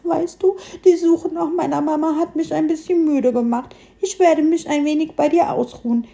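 A tearful little boar piglet from a storybook, squeaky and stammering through sobs. The voice sits very high and pushes forward. The tone stays soft and mellow. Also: female voice, steady tone, normal speed, creaky. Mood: hopeful. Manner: sobbing, stammering.

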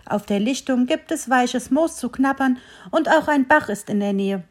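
A woman voicing a small, kind fir tree that gently welcomes guests while reading a storybook aloud. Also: sits high, expressive, normal speed, a little hiss or hum, pitched above the performer's own voice. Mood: welcoming.

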